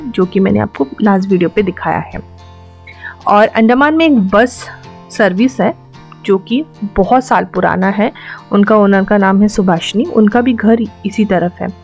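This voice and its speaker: A woman's voice: mid-range voice, fairly even intonation, moderate pace, darkish tone, lo-fi sound, faint music behind. A young woman from the Andaman Islands, a travel vlogger giving a chatty, explanatory voice-over for a road trip and mixing English words into her speech.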